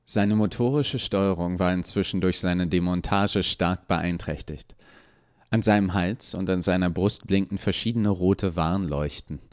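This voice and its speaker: A man reads a story aloud in a calm, measured way, his voice sitting very low. The narration is scripted and steady. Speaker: podcast narrator.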